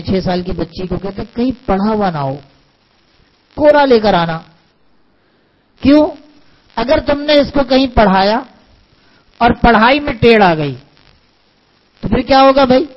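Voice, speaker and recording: A man's voice: very high voice, highs cut off. A man, a religious scholar, preaching a sermon and teaching through parables and rhetorical questions.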